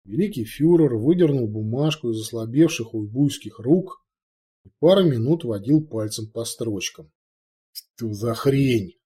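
A male audiobook narrator with a husky, mellow voice telling a fantasy story. His pitch moves in lively swings as he reads with wry expression. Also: normal speed.

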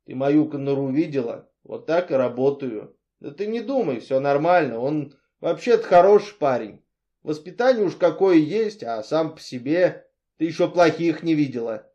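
A man's voice: fairly high pitch, animated, moderate pace, warm tone, muffled recording, close to an everyday voice. A man voicing a harried middle-aged man who mutters and coaxes in an audiobook. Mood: exasperated. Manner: muttering, exasperated, coaxing.

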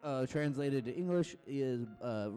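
A man's voice: medium pitch, lively intonation, measured pace, dark tone, clean tone, soft background music. A man co-hosting a podcast, stammering and throwing out goofy wisecracks. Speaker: podcast co-host. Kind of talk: crude casual banter.

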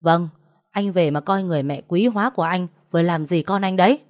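A woman's voice: fairly low pitch, a little fast, darkish tone, lightly acted. A woman voicing a spoiled, scornful rich young wife who scolds shrilly. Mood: bitter.

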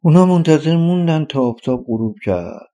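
Male storyteller, measured folktale narration, warm low tone. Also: expressive.

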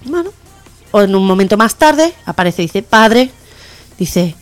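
A woman hosting a radio comedy show, telling jokes in a lively way and acting out the characters with quick pitch jumps. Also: soft background music.

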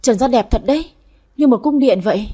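A woman's voice: on the high side, a little fast, mellow, breathy edge. A woman doing a haughty scheming rival. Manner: haughty, threatening.

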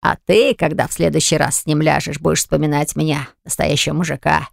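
A reader voicing a crude, menacing male thug who threatens slowly and with a sneer, in a dry, close audiobook recording. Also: little pitch movement, creaky, no room sound. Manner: slow, low, sneering menace.

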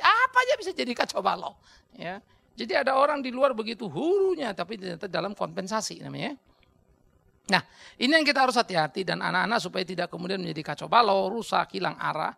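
A middle-aged male pastor, preaching a sermon in an animated storytelling manner with slangy asides. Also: sits high, gravelly.

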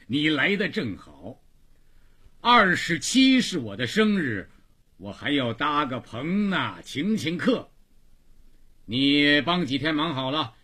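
A man's voice: mid-range voice, voice pushed up, exaggerated voice. A man playing a bossy old Beijing boss. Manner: gruff, commanding, loud. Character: bossy old male rickshaw-yard owner.

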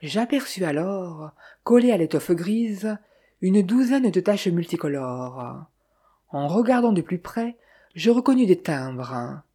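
A woman reads a period detective novel aloud at a measured, steady pace. Her voice is low and mellow, slightly husky, with a soft, darkened tone. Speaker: audiobook narrator. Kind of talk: scripted audiobook narration.

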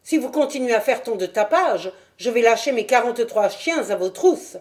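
Cranky stooped old guy who keeps a houseful of animals, a lady reading doing him, higher and louder than her narration, yells then fusses. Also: lively intonation, normal speed, lightly acted. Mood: shouting angrily. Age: over 60. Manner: shouts threats, then fussy and polite. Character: irritable old man animal keeper, tall and stooped.

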